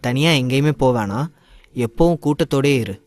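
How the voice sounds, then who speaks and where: A man's voice: mid-range voice, lively intonation, moderate pace, a little mellow, natural voice. A man voicing a worried young hero who asks anxiously and reassures in a hurry. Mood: worried, reassuring.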